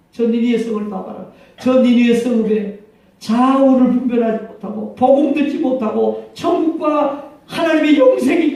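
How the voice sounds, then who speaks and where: A man's voice: high-pitched, creaky. A man preaching in an echoey hall voices a patient, loving God reasoning with a sulking prophet. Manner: gentle, reasoning, questioning. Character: patient loving divine father, male. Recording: echoey church hall from far off.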